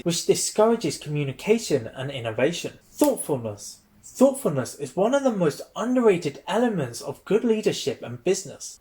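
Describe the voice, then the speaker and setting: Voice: medium pitch, a little mellow. A host giving scripted voice-over narration, reading a list and announcing each one-word heading before explaining it. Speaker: host of a channel reviewing business books.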